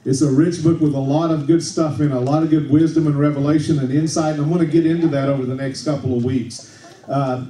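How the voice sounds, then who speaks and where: A male pastor preaching a relaxed, conversational sermon, often checking in with the congregation and restarting his sentences. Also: a little high, quick pace. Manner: conversational, tag questions like okay, frequent restarts. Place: church sanctuary. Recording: echoey church room, mic at a distance.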